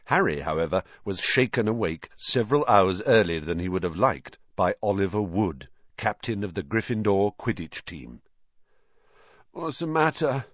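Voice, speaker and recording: A man reading an audiobook in scripted narration, expressive and voicing the characters. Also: deep voice, moderate pace, hardly any pauses, no room sound, lo-fi sound.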